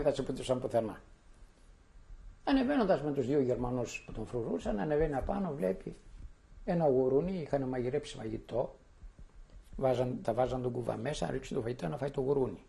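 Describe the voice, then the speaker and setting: A man's voice: medium pitch, expressive, creaky, dark tone. An older man from Thessaloniki giving spoken testimony, telling his memories as a vivid storyteller who acts out the voices of the people he quotes. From Thessaloniki, Greece.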